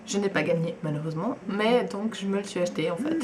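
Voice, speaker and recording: A woman's voice: mid-range voice, fast, background noise. A young woman, chatting enthusiastically through a makeup tutorial at home, with frequent fillers and asides. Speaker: beauty vlogger.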